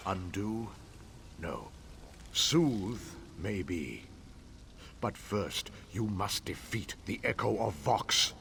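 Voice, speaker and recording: A man playing an anguished, dying townsman spirit in a video game, speaking solemnly and haltingly with weary, dramatic pauses. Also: lowish voice, big pitch swings, vocal fry, a bit bright, slight background noise, exaggerated voice. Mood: grave, sorrowful. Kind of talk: video game character acting.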